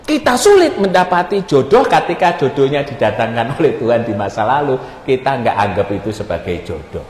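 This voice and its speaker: A male pastor preaching a sermon, telling lively stories with jokes and questions to the congregation. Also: mid-range voice, fairly quick. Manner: animated storytelling with jokes and rhetorical questions. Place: church sanctuary. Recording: echoey church hall.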